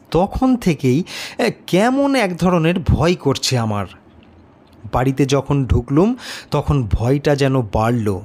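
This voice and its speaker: In a fairly high voice, a man narrates a first-person horror story, his delivery expressive, deliberate and full of suspense.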